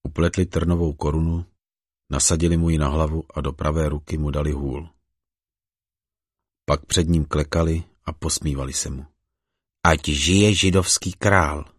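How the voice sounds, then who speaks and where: A man reads scripture in a measured, solemn way. His voice sits extremely low and comes out husky, and the recording is dry with no room sound. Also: flat delivery, a little mellow, no room sound. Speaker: scripture reader.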